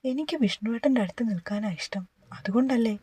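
A woman's voice: fairly high pitch, lively intonation, normal speed, dark tone, breathy edge, dry recording. A woman voicing a tired young wife who pleads through tears. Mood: tearful. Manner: pleading, tearful. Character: young wife, tired teacher, tearful and clingy.

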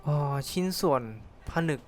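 A man's voice: measured pace, faint music behind. A man streaming a video game, thinking aloud and exclaiming as he plays. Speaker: gameplay streamer. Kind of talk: casual let's-play commentary.

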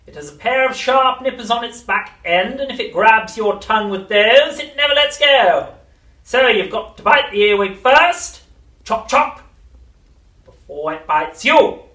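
In a storybook reading, a reader voices a nasty, witchlike old grandmother, slow and loud with drawn-out gloating words. The animated, mid-range voice is pitched above the performer's own and recorded far from the mic in a roomy space.

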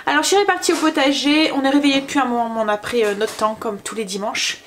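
A woman's voice: sits high, fairly even intonation, fast. A woman chatting casually in a family cooking vlog, talking through her day and a recipe with frequent fillers. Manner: chatty, hesitant with many fillers and laughs. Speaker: family vlogger. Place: home kitchen.

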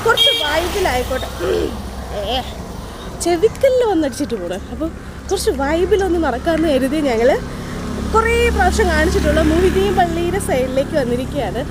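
A woman chatting casually to viewers on an outdoor walking vlog, often repeating herself. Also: very high voice. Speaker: vlogger. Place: outdoors on a seaside roadside. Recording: outdoor street ambience and traffic noise.

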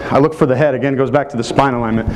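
A man in his thirties runs a live football technique clinic in a hotel meeting room, explaining each move as he demonstrates it. His voice is medium-pitched and a little mellow, with fairly even intonation. He talks very fast.

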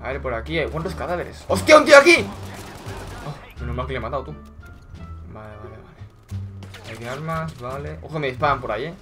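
A young man giving excitable, swearing live commentary over his own gameplay, yelling when he scores. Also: mid-range voice, fairly quick, pauses often. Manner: excitable, swearing, shouting at kills. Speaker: gaming YouTuber. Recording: music in background.

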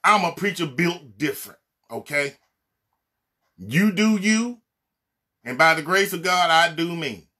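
Animated yet unhurried and pausing often, this Southern-accented man from Mississippi, USA, delivers an impassioned sermon on social media as an evangelist minister. His voice is on the high side, pushed and bright, and he drives his blunt points home with recurring refrains.

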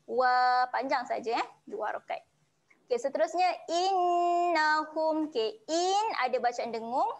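A woman with a Malaysian Malay accent teaching Quran recitation online, explaining each sound patiently and slowly chanting the verses. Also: high-pitched, animated. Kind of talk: online tajwid lesson.

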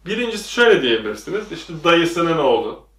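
A man teaching English at a classroom whiteboard questions viewers repeatedly, speaking fairly quickly with big pitch swings. His voice leans high and a bit bright, and the echoey room places him at a distance.

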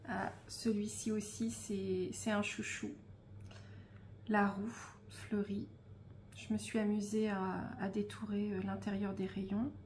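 Slow, gravelly-voiced woman unboxing crafts. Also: medium pitch, a little hiss or hum. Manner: relaxed, hesitant with frequent fillers, soft asides. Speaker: scrapbooking shop host. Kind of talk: casual product unboxing.

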